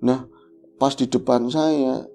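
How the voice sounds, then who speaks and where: A man telling a horror story in casual chat, animated and acting out the voices of the people in it. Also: medium pitch, slow pace, creaky, soft background music. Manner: animated, acts out quoted voices. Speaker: guest storyteller.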